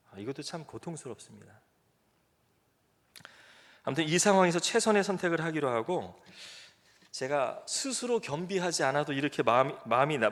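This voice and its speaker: Male pastor, middle-aged, mid-pitched voice, relaxed conversational sermon with self-deprecating humor. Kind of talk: sermon with personal testimony. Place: church sanctuary.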